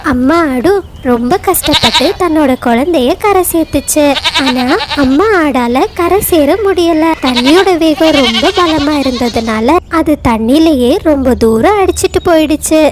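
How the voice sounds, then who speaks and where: High-voiced woman narrating a fable. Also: heavy background noise. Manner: steady storytelling. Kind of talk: storybook narration.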